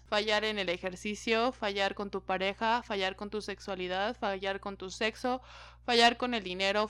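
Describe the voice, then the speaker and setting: A woman with a Mexican Spanish accent speaks to her viewers in a loose, candid monologue and swears without a second thought. Her voice sits a little high and sounds smooth and clear. The sound is dry and close, with no room around it. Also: fairly bright tone, dry recording. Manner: frank and profane, laughing often. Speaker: vlogger.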